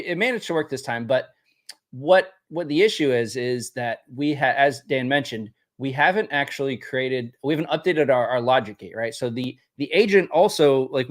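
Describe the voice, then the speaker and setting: A man hosting a casual live demo, rambling, repeating words and laughing easily. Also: mid-range voice. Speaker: host demoing a game tool.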